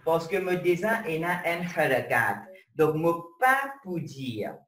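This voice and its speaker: A man's voice: fairly high pitch, big pitch swings, slow pace, fairly bright tone. A man from Mauritius, teaching an online class and stopping often to check that students follow. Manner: explains step by step, keeps checking students follow. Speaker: Arabic teacher. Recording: roomy, distant with faint noise.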